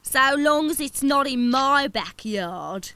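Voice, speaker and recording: A woman's voice: high-pitched, expressive, slow, music in the background, full character voice. A woman voicing a grumpy, sceptical little creature in a children's cartoon, scolding and dismissive. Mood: irritated.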